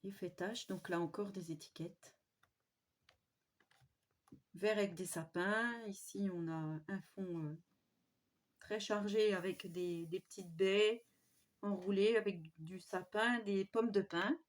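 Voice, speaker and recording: A woman vlogger doing a casual show-and-tell of scrapbooking papers, speaking softly and admiringly with frequent hesitations. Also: medium pitch, slow, pauses often. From France. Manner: soft-spoken, admiring, with frequent fillers.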